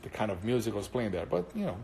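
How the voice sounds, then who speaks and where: In a lowish, dark-toned voice with vocal fry, a Brazilian man talks in a rapid-fire, sing-song way, his English carrying a Brazilian Portuguese accent from his native Portuguese. He casually answers viewers on a live stream, rambling and hesitating with many fillers. A faint hiss or hum sits in the recording.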